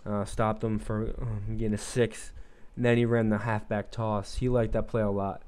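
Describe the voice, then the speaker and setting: A man's voice: fairly low pitch, little pitch movement, moderate pace, darkish tone. A young man rambling through casual gameplay commentary, loose and profane, filling gaps with likes and ums, his throat a little froggy. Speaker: gaming commentator.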